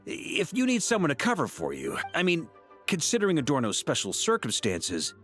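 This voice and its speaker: A man's voice: a little high, wildly swooping pitch, moderate pace, a bit bright. A man voicing a self-assured, commanding knight leader in a video game, with wry authority. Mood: breezy, commanding. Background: music.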